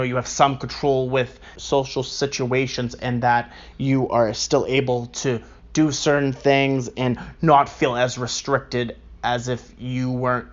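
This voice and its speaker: Calm, even-toned man, counsellor-like interviewer. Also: mid-range voice. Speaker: podcast host interviewing a relative. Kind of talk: reflective interview conversation. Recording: dull lo-fi recording.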